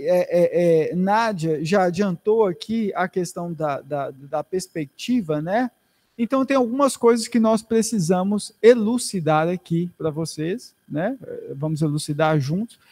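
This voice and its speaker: A man's voice: high voice, a little mellow. A man with a Brazilian Portuguese accent teaching a Bible class, explaining patiently and often checking in with "né?". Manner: explanatory, many "né?" tag questions.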